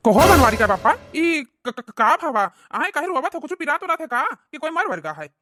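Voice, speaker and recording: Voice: high voice, sing-song, normal speed, very noisy. A voice actor playing a nosy village neighbor who questions and prods in a cartoon comedy. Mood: curious. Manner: prying, questioning.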